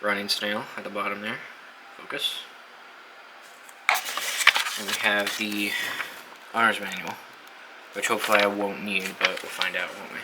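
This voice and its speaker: A young hobbyist video host gives a wry, offhand unboxing commentary, swearing casually along the way. His lowish voice is flat and normal in speed with frequent pauses, against heavy background noise.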